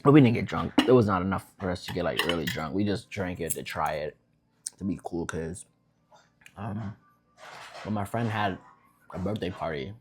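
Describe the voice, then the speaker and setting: A deep-voiced young man rambles easily through stories while eating at home. His talk is casual and unhurried, like a laid-back vlog. Faint noise and the clink of dishes sit behind him. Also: animated, darkish tone. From Vietnam. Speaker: vlogger.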